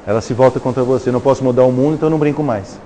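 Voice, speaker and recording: At a live event in a lecture hall, a middle-aged Brazilian man with a Portuguese accent delivers a spiritist talk, acting out short dialogues and peppering the audience with "né?" tag questions. His mid-range voice is warm and rapid-fire, his manner conversational, with slight background noise.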